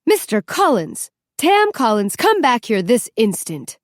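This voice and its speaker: A woman's voice: medium pitch, very animated, a little slow, warm tone, no room sound, studio quality. A woman voicing a stern middle-aged male vice principal barking orders in an audiobook. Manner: barking, authoritative.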